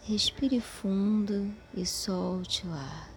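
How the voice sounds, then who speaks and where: Slow, soothing woman leading meditation. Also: mid-range voice. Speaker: guided meditation leader. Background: soft music.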